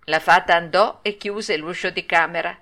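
A woman narrating a children's classic audiobook in an expressive, animated manner. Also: on the low side, moderate pace. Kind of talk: storybook narration.

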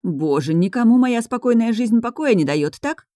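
A woman's voice: fairly high pitch, lively intonation, normal speed, mellow, no echo, clean studio sound, pitched above the performer's own voice, lightly acted. Woman voicing a whiny, cornered young woman. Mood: protesting. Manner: protesting, whiny.

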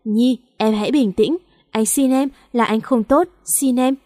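A possessive young husband who turns remorseful, pleading with his wife in a storybook reading, as a woman puts him on. The voice sits fairly high and the sound is dry and close, with no room around it. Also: a little slow, a little mellow, no room sound, close to an everyday voice. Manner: pleading, insistent. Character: young male company director, possessive then remorseful.

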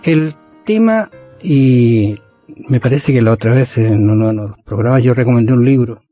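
A man's voice: mid-range voice, moderate pace, dark tone, faint music behind. A man hosting a religious radio program, talking casually and often adding rhetorical tag questions.

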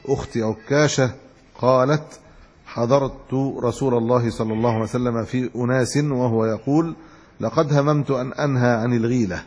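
In this religious lesson, a man recites narrator chains and then breaks them down simply, with some restarts along the way. He's a sheikh teaching hadith, with a medium-pitched, darkish, slightly rough voice, captured in a dull lo-fi recording full of long hall reverb.

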